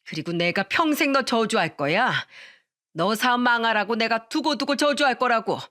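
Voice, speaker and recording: A woman doing a shrill, spiteful old mother-in-law. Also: expressive, normal speed, pushed and bright. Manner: wailing, scolding, cursing.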